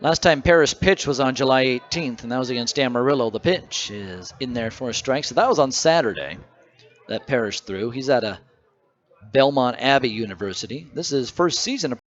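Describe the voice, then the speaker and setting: A man announcing a baseball game play-by-play, reading stats and scores between pitches in a conversational way. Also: expressive, fairly quick, dull audio. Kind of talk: radio baseball commentary.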